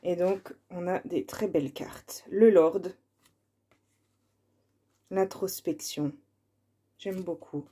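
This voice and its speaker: A slightly hoarse woman presenting her oracle card decks, reading card names and texts aloud in a soft, unhurried way. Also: lowish voice, fairly even intonation. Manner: slow and soft-spoken, reads card titles aloud. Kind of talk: casual show-and-tell with card readings.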